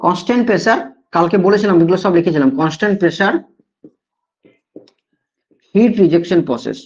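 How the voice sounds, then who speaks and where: A man's voice: high voice, lively intonation, fast talker. A male teacher with a Bengali accent giving a classroom lecture, repeating key points and often checking that students follow. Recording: dull lo-fi sound.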